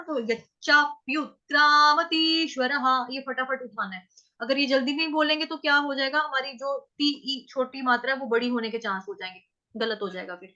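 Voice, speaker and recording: A woman teaching how to chant a Sanskrit verse, breaking words into syllables, repeating them, and chanting lines slowly. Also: high voice, bright, forceful tone, lo-fi sound. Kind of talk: syllable-by-syllable pronunciation lesson.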